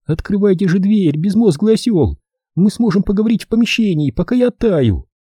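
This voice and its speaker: A man reading an audiobook voices a sharp-tongued, impatient young brunette woman who scolds and chatters. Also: high voice, lively intonation, a little fast, slightly rough, dry recording, clean studio sound, pitched above the performer's own voice. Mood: indignant, scolding.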